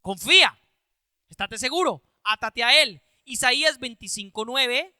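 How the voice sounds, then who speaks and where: Fervent high-voiced male preacher. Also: lively intonation, unhurried, clean tone, dry recording. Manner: reads Bible verses aloud and explains them, repeats phrases for emphasis; bursts into loud emphatic calls. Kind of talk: sermon.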